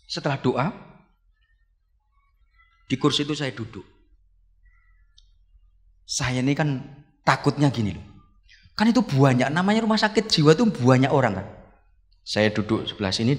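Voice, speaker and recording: A man with a Javanese accent preaching a sermon as a pastor, telling a story with animation and now and then breaking into shouts. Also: mid-range voice, sing-song, moderate pace, long pauses. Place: church. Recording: reverberant church hall.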